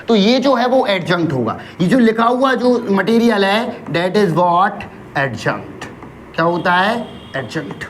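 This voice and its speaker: A man teaching English grammar, firing rhetorical questions at his class, answering them himself and dictating example sentences slowly word by word. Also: high-pitched, a little hiss or hum. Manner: asks questions and answers them himself, calls listeners brother.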